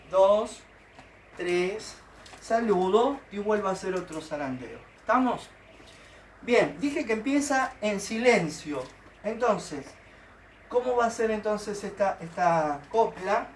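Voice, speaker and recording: Argentine dance teacher in a roomy space. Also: male voice, sits high, distant mic, a little hiss or hum. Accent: Argentine Spanish. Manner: explains step by step, checks in with questions. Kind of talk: online dance lesson. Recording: roomy, from off the mic. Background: folk guitar music.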